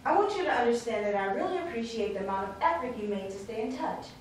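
Actress as a patient tired young mother, measured, high voice, roomy distant theater sound. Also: lively intonation, slight background noise, natural voice. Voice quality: measured, trying to get a word in. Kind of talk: stage play performance. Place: theater stage. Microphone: far room mic. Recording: echoey stage recorded from afar.

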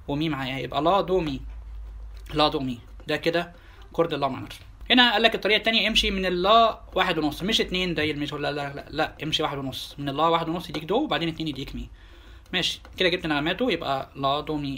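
A man's voice: fairly high pitch, pushed and bright. A man with an Egyptian Arabic accent teaching a guitar lesson, naming notes one by one and repeating them step by step, with guitar notes heard behind.

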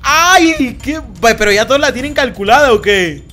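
A young man narrates his multiplayer minigame with restless energy, his voice pitched very high and bright. Soft background music runs beneath his excited calls to the other players. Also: a little fast. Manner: energetic, shouts and laughs at the action, calls viewers "cracks". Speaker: gaming youtuber hosting a minigame. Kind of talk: excited gameplay commentary.

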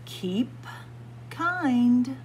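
Reading a picture book aloud to young children, a middle-aged woman takes each word slowly and deliberately, her high-pitched voice swooping in lively, animated rises and falls with teacherly emphasis. A webcam or phone at arm's length picks her up close in a small library room, with a faint hum underneath.

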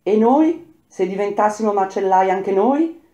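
A woman's voice: medium pitch, lively intonation, a little slow, dark tone, muffled recording, pitched above the performer's own voice, natural voice. A woman reading as a wise questioning older woman. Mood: probing. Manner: probing, questioning. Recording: roomy echo.

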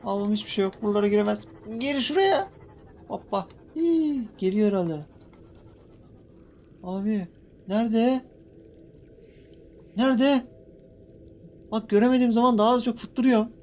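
High-voiced excitable young man gaming. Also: a little fast, long pauses, slight background noise. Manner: jumpy, excitable, swearing playfully at in-game creatures. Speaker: gaming YouTuber. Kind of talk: casual Let's Play commentary.

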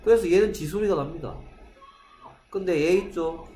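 A man's voice: high-pitched, normal speed, warm tone, soft background music. A Korean-speaking man teaching middle school English in a classroom, drilling pronunciation and often checking that students follow. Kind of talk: classroom lecture. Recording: echoey classroom.

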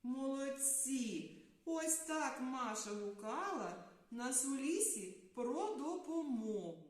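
A preschool teacher gives a slow, clear lesson to small children in a lively sing-song voice that rises and falls. Her fairly high voice stretches each word, with long pauses between. The audio is very echoey, as if recorded in a bare room.

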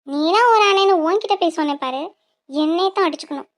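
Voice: extremely high pitch, brisk. A voice actor playing a cheeky young college woman in a cartoon, bickering and sassy.

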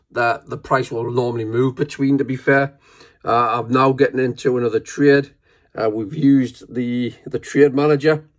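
A man's voice: medium pitch, a bit bright, dry recording. A man talking casually to camera in a home vlog, rambling with many fillers and calling his viewers "guys". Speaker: forex trader vlogger. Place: at home, moving between rooms and outdoors.

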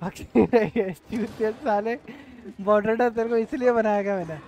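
A man's voice: high voice, unhurried, darkish tone, highs cut off. A man streaming a co-op game, giving bossy, urgent instructions to his partner and teasing his chat. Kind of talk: casual live-stream gaming chat.

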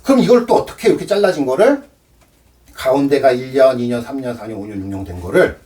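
A man's voice: medium pitch, lively intonation, fast talker, mellow, distant mic. A man giving a cello lesson, explaining with props and counting aloud. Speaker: cello teacher. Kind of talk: demonstration lesson.

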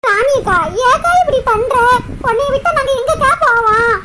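A woman's voice: very high voice, normal speed, heavy background noise. A woman voicing a chatty village woman in a cartoon comedy, speaking, earnest and coaxing. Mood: pleading.

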